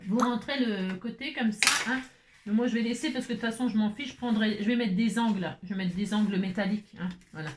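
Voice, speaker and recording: A woman's voice: mid-range voice, fast talker. A woman hosting a casual crafting tutorial, chatty and exasperated, constantly adding "hein". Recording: echoey room, faint noise.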